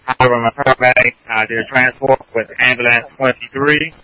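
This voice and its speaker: A man's voice: mid-range voice, little pitch movement, fairly quick. A man on an emergency crew reporting from the field over a two-way radio, matter-of-fact with hesitant fillers. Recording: muffled radio transmission.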